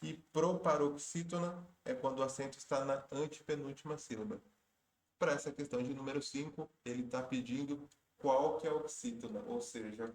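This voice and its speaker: A man's voice: medium pitch, a little mellow. A man teaching Portuguese grammar for exam prep. He works through each question step by step, patiently, and often stops to correct himself. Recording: roomy echo.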